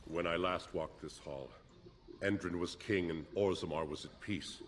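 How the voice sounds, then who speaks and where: An actor playing a stern, formal dwarf archivist in a video game, speaking solemnly. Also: male voice, deep voice, slight background noise, close to an everyday voice. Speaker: dwarven record keeper in a video game.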